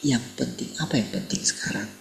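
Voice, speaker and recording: A man's voice: medium pitch, brisk, gravelly, slight background noise, low-quality recording. A middle-aged man preaching a sermon, posing rhetorical questions and speaking directly to his listeners. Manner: rhetorical questions, addresses listeners as brothers and sisters.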